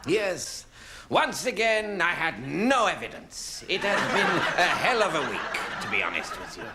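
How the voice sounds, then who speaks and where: Pompous French detective, swooping delivery. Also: male voice, fairly high pitch, very animated, heavy background noise. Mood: wry certainty. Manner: grandiose, formal, drawn-out pronouncements. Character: pompous theatrical foreign gentleman detective, world-weary. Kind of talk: parody period murder-mystery sketch.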